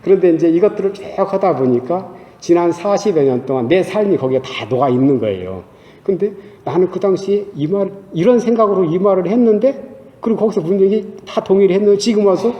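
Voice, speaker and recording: A man's voice: on the high side, lo-fi sound. Older man giving a chatty church talk. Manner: chatty, keeps asking "eh?" and chuckling, acts out his own inner talk. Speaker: religious brother giving a Lenten talk. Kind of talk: conversational church lecture. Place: church hall. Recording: echoey church hall with long reverb.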